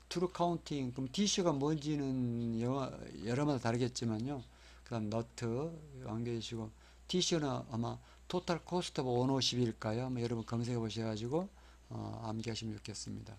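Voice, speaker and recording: A man with a middle-pitched voice gives a recorded exam lecture in an explanatory tone. He repeats each key term so it can be memorized and spells out English phrases slowly.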